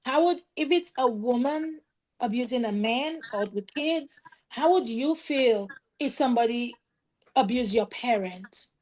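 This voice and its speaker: Emphatic woman with a higher voice. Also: expressive, measured pace, a little mellow. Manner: emphatic, defiant storytelling. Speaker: panelist, domestic violence survivor. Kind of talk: roundtable discussion. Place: live stream panel.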